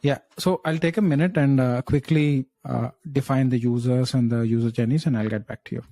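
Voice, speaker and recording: A man speaking as a job interview candidate, thinking aloud through structured answers with hesitant pauses and frequent checking tags. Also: mid-range voice, steady tone, mellow, no echo, clean studio sound.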